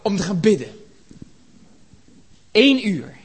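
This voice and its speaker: A man preaching a sermon in a church, impassioned, building to shouts and rhetorical questions. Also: high voice, big pitch swings, slow pace, slightly rough.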